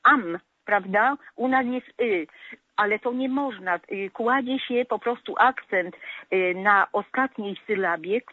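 A woman's voice: mid-range voice, unhurried, dry recording. Lady caller on a tinny phone line, hesitant, lots of ums, dry sound, strict about how people should talk. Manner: hesitant, many filler sounds, prescriptive. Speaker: radio caller. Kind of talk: call-in talk about correct speech. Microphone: telephone.

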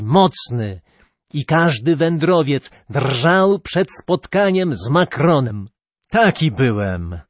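A man's voice: fairly high pitch, no echo, full character voice. A man voicing a ragged, lame fiddler and former robber who earnestly confesses his past, in a storybook reading. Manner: plain-spoken, earnest confession.

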